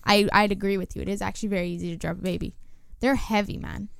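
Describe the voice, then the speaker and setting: A woman's voice: medium pitch, level tone, fast, creaky, clean tone, dry recording, clean studio sound. A woman in casual podcast chat, blunt and sweary, laughing often.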